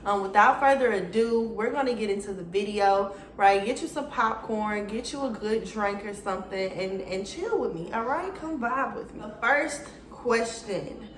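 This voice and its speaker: Chatty and full of slang, an Atlanta woman in her twenties addresses viewers directly in a casual get-to-know-me YouTube video. She has an Atlanta Southern US accent and comes from Atlanta, Georgia, USA. Her mid-range voice is expressive, with a moderate pace and few pauses, and the sound is roomy.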